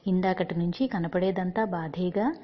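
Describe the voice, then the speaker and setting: A woman voicing an elderly grandfather, weary and impatient, speaking lower and softer, in a dull recording with long reverb. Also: normal speed, natural voice.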